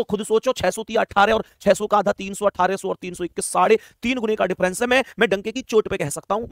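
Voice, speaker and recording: A man's voice: high voice, no room sound, clean studio sound. A man teaching an online exam math lesson, emphatic and coaxing, repeating key points and urging viewers to reply.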